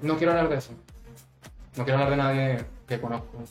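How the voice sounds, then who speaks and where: A man with a Venezuelan accent hosting a casual podcast, teasing his guest with quick joking questions from a table mic at home. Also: mid-range voice, roomy sound, faint music behind. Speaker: podcast host. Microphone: studio microphone on table.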